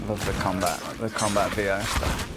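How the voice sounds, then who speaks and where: A man's voice: fairly low pitch, level tone, normal speed, a crowd in the background. A man chatting casually while playing on a game studio's live stream. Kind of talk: casual gameplay chat.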